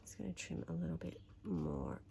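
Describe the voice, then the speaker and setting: An Australian woman with a slightly croaky voice, talking through a papercraft tutorial while she folds and trims, chatty and thinking aloud. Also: a bass voice, wildly swooping pitch, moderate pace, warm tone, slight background noise. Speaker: papercraft demonstrator. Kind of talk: craft tutorial narration.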